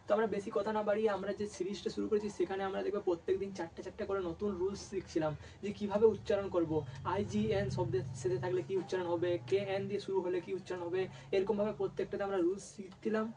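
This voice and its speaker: A man's voice: high-pitched, steady tone, quick pace, mellow, recorded from a distance, slight background noise, rough recording. A man from West Bengal teaching a language lesson. He asks questions and answers them himself, and repeats each word he teaches. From West Bengal, India. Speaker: English teacher.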